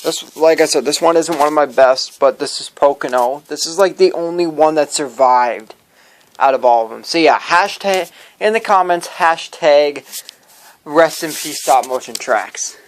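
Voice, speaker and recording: A man's voice: on the high side, moderate pace, slight background noise. A man casually showing his hobby collection to viewers, rambling and stumbling over his words as he goes. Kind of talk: casual show-and-tell vlog.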